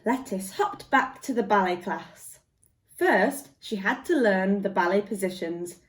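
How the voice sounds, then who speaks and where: A woman guest reader reading a picture book aloud to young children in an expressive storytelling manner. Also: medium pitch, a little slow.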